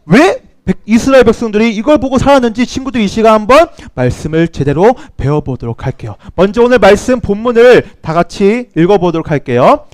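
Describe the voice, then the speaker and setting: A man giving a children's sermon to preschoolers, asking them questions and acting out shouts and cries. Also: high voice, no echo. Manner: animated, acts out shouts and cries; addresses children as friends, asks questions. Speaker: children's ministry teacher.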